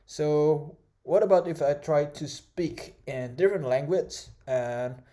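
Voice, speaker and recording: Speaking slowly in a dark tone on the high side, a young man teaches an online course over a screen recording. Indonesian is his first language, and his casual style is full of fillers and "right?" checks.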